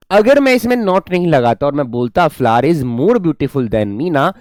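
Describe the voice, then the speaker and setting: Lively-voiced male grammar tutor, quite dry sound. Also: on the high side, no echo. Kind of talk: classroom-style grammar lesson.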